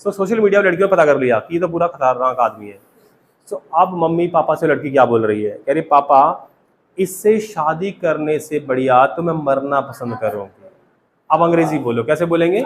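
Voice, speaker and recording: A man's voice: a little high, rough recording. A man teaching spoken grammar in a classroom, often asking the class questions and repeating key words. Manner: quizzing students with repeated questions.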